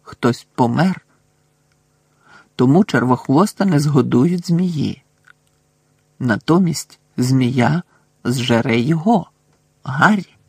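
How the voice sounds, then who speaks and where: Gravelly, husky male audiobook narrator. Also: medium pitch, no room sound, studio quality. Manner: steady, measured storytelling. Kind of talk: scripted narration.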